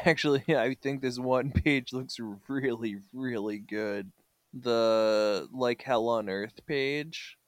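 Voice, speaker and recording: A man's voice: mid-range voice, takes it slowly, dry recording. A man co-hosting a casual comic book club podcast, joking and enthusiastic about the panels. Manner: joking, enthusiastic, looks facts up mid-chat. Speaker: podcast co-host.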